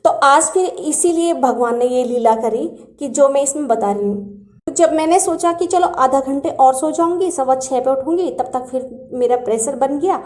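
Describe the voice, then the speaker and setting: Woman, high mellow voice, earnest devotional storyteller, echoey room. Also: normal speed. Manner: earnest and animated, acts out quoted words. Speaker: devotee sharing spiritual experiences. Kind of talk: personal storytelling.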